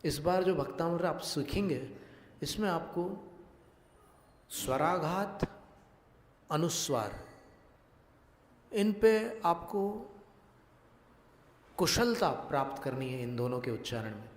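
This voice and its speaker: A male monk giving a religious discourse, teaching Sanskrit pronunciation slowly and deliberately and putting questions to his listeners. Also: fairly high pitch, animated. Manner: slow, deliberate, questions the audience. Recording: echoey hall with long reverb.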